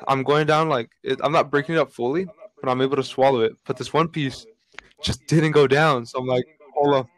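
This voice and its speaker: A man's voice: mid-range voice, fairly quick, low-quality recording. Young man rambling through a story. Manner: storytelling, animated with lots of fillers. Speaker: podcast co-host. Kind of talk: casual chat.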